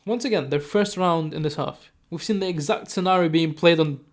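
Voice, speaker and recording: Guy casting a live esports match, fast play-by-play, kinda high voice, keeps correcting himself. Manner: rapid, self-correcting, chatty asides, sudden excited outbursts. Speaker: esports caster.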